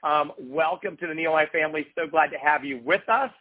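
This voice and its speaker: A man's voice: fairly high pitch, a little fast. A middle-aged man giving a motivational business talk as a company executive, with polished, upbeat corporate enthusiasm and emphatic delivery. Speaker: company executive addressing distributors. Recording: thin, muffled telephone line.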